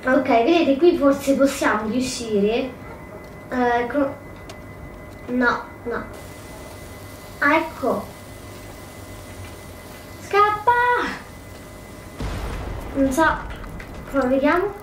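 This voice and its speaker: A woman's voice: high voice, lively intonation, extremely slow, pauses often. A woman casually commentating her gameplay, thinking aloud, hesitant and correcting herself often. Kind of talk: casual let's play commentary. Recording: roomy, distant mic, faint noise.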